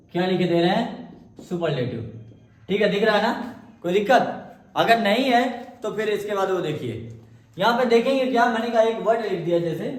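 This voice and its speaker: High-voiced teacher in echoey room. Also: male voice, darkish tone. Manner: asks questions and answers them himself; repeats key words for emphasis. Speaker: English teacher. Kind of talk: classroom grammar lesson in Hindi.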